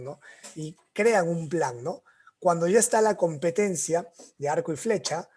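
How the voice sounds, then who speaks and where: A man's voice: fairly high pitch, darkish tone, husky. A young man with a Peruvian accent lecturing a literature class, retelling stories with quoted voices and checking in with tag questions after most phrases. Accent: Peruvian Spanish. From Peru. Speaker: literature teacher.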